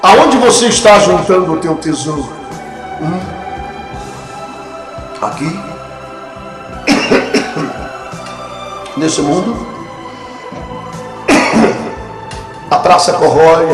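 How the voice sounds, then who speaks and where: A man's voice: fairly high pitch, very slow, pauses often. A man preaching a sermon, emphatic and fond of rhetorical questions to his listeners. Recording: echoey room with music behind.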